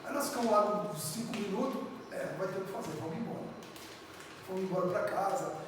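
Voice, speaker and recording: A woman preaching from São Paulo, Brazil, telling her testimony to the congregation with lively acted-out dialogue. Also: mid-range voice, quick pace, background noise. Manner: animated storyteller acting out dialogue, addressing the congregation. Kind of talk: sermon storytelling. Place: church hall. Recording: echoey church hall, distant mic.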